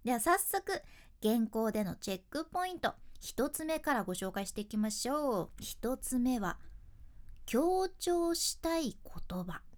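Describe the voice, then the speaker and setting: A woman's voice: a little high, lively intonation, moderate pace. A young woman with a Fukuoka accent, a freelance announcer giving a casual speaking lesson in chatty explanations with dialect endings. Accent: Fukuoka Japanese.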